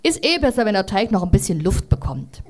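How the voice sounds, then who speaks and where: A woman voicing a cheeky, freeloading kangaroo in a story she reads aloud, in a bright, pushy and upbeat way. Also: medium pitch, big pitch swings, brisk, lightly acted.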